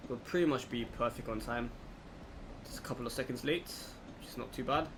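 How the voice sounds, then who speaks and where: A gaming video host talks through a let's play in a casual, unscripted way, thinking out loud as he plays. His voice sits in the mid range and moves a little fast. The recording is clear, with a steady hum in the background like air-conditioning.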